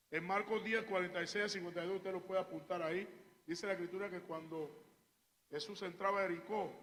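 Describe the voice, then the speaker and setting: A man preaching a sermon as pastor, fiery, shouting out the cries he quotes and often calling the listeners "hermano". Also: high voice, a little hiss or hum. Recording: reverberant church hall.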